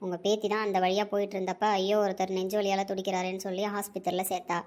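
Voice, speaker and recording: A woman's voice: mid-range voice, level tone, racing, a little mellow, close to an everyday voice. A woman playing a grateful middle-aged wife who politely and patiently explains herself. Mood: explaining. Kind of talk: family drama acting.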